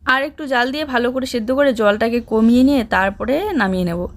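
A young woman narrating a casual home vlog, speaking softly and chatting as she explains her chores. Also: fairly high pitch, a little fast. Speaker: village vlogger and mother.

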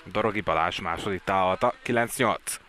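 A man doing live water polo commentary as a sports commentator, with an excited delivery that rises at key plays. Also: sits low, slight background noise.

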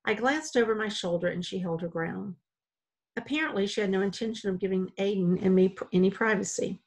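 A woman reading a children's novel aloud in a plain, steady storytelling way. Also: mid-range voice, a little fast, slightly rough. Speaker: audiobook reader.

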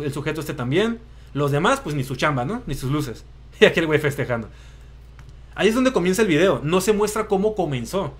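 Casting: young northern Mexican male host, high-pitched, slangy and animated. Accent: northern Mexican Spanish. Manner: slangy, animated storytelling with acted-out quotes. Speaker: show host. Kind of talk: casual live commentary.

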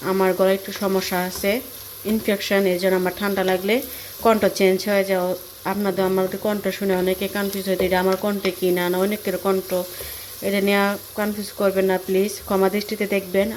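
A Bangladeshi woman vlogging casually as she cooks at home, explaining each step in a chatty way, her voice hoarse from a cold. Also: mid-range voice, a little mellow, slight background noise. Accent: Bangladeshi Bengali. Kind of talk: casual cooking vlog. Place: home kitchen.

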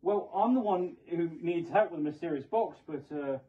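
A fursuit video creator rambles hesitantly, full of fillers, in a comedy skit and fursuit showcase. His voice is fairly high and animated at a normal pace, and the lo-fi recording sounds muffled.

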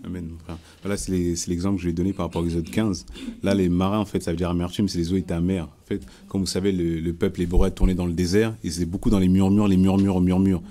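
A man's voice: deep voice, flat delivery, fast, dark tone. A man from France leading a Bible study, preaching informally and sharing a testimony, talking conversationally with frequent repeats and restarts.

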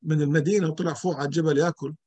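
A man's voice: a little high, steady tone, rapid-fire, warm tone, no room sound. A male pastor, teaching an emphatic sermon full of rhetorical questions and repetition.

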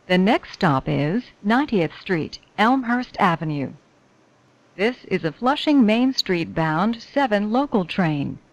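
A woman reading scripted train announcements in a measured, formulaic way. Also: mid-range voice, rough recording. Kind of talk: scripted subway station announcements.

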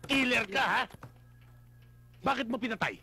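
A man playing an eager, bumbling male police officer in a slapstick comedy, loud and excitable. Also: very high voice, normal speed, vocal fry, a little hiss or hum, exaggerated voice.

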